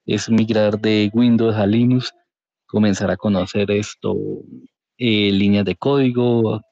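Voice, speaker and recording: A man's voice: lowish voice, steady tone, measured pace, a little mellow, no room sound. A man with a Colombian accent telling his own story casually and colloquially as an interview guest. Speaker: podcast guest, career changer into programming. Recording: dull, lo-fi audio.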